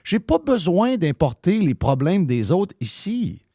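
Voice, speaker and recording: A man's voice: high voice, very animated, unhurried, warm tone, dry recording, clean studio sound. A man with a Québécois accent, hosting live radio talk in a heated, ranting way, swearing freely. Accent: Québécois French. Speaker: radio show host.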